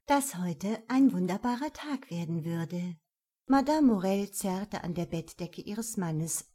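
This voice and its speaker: Woman audiobook narrator, calm and measured, unhurried scripted reading. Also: on the low side.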